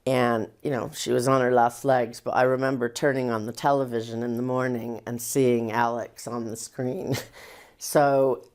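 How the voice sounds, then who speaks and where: Very low-voiced woman reminiscing. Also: level tone, moderate pace. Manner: warm, hesitant storytelling with soft laughs. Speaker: guest. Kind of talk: reminiscing conversation.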